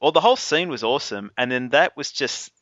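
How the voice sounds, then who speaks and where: A man in relaxed film chat, asking questions with many fillers. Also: mid-range voice, brisk, no echo, muffled recording. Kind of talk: casual film discussion.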